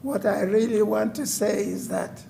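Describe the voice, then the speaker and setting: A high, creaky yet warm voice belongs to a man in his nineties from West Africa, speaking at a moderate pace as he relates a formal personal story to a code enforcement board. The public meeting takes place in a city council chamber, and slight background noise is audible.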